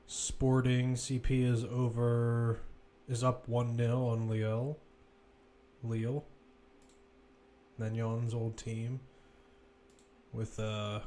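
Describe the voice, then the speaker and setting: This is relaxed live football commentary from a man who chats and reasons aloud while tracking the play. His medium-pitched voice is warm, and a little hiss or hum is audible.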